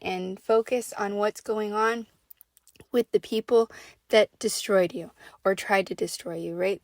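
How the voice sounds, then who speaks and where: A woman delivers a casual faith talk in a conversational, emphatic way, tagging her points with quick check-ins. Her voice sits at a middle pitch. The sound is close and dry, with no room echo. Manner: conversational, emphatic, frequent "right?" and "okay?" tags. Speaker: faith speaker. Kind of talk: casual preaching monologue.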